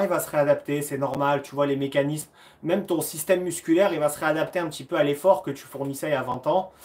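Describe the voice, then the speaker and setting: Karate coach guy chatting on a live stream from his phone, friendly, voice a bit on the high side. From France. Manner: chatty, friendly, addresses viewers by name. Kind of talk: casual live-stream chat.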